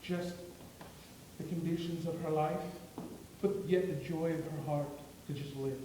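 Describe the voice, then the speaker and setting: A man's voice: a little high, fairly even intonation, measured pace, dark tone. A man delivering a class sermon, telling a story with many fillers and restarts. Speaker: preaching student. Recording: echoey room from far off, faint noise.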